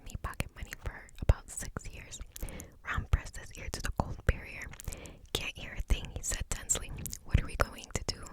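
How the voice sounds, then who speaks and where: A woman reading a story aloud in an ASMR whisper, barely audible and unvoiced, with tingly mouth sounds. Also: moderate pace.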